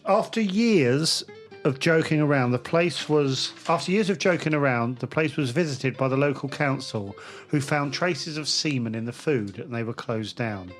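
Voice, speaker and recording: A man's voice: medium pitch, moderate pace, faint music behind. A man co-hosting a comedy podcast, teasing the others and reading a listener email between giggles. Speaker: podcast co-host.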